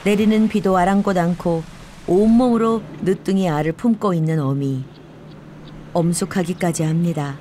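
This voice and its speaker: A woman's voice: lowish voice, normal speed, mellow, a little hiss or hum. A woman reads scripted nature documentary narration in a storytelling manner, speaking as if she were one of the animals. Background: background music.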